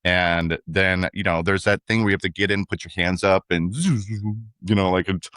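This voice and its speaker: A young man co-hosting a podcast, telling a story in a relaxed, chatty way and acting out the other people's lines. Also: low voice, moderate pace, no room sound, clean studio sound. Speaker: podcast co-host. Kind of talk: casual conversational storytelling.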